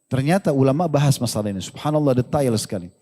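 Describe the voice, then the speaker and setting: A male Islamic preacher giving a casual lecture, lively and joking, with colloquial slang and rhetorical questions. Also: mid-range voice, quick pace, long reverb tail.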